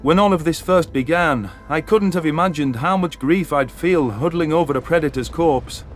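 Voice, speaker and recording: An audiobook narrator delivers a first-person science fiction story dramatically. The man's voice is fairly high-pitched, at a moderate pace. Background music plays under the narration.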